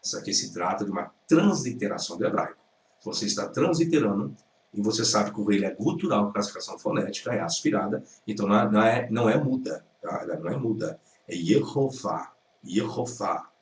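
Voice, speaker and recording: A man's voice: lowish voice, lively intonation, fast talker, a little hiss or hum. A Brazilian man teaching Hebrew, correcting a video point by point and repeating the right pronunciations. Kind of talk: critical lecture commentary. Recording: roomy sound from a distance.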